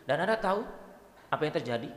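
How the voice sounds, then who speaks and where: Male priest giving a sermon, joky storyteller, bright voice echoing in a big church hall. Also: on the high side, fast talker. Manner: lively, joking storyteller, often addresses the congregation.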